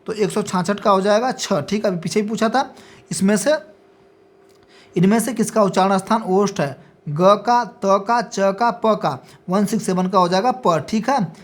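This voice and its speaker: In an exam practice session, a woman teacher reads multiple-choice questions and options aloud in an unhurried, medium-pitched voice. After each answer she confirms it with a checking "ठीक है".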